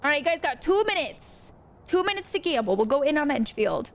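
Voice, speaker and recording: High-voiced chatty woman streamer. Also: sing-song, brisk. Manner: chatty, greets chat by name. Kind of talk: casual livestream chat while gaming.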